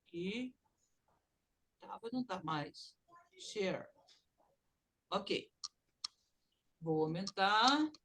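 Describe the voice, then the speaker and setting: A woman teaching English in an online class, explaining slowly and mixing English phrases into her talk over a video call. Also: medium pitch, lively intonation, a bit bright.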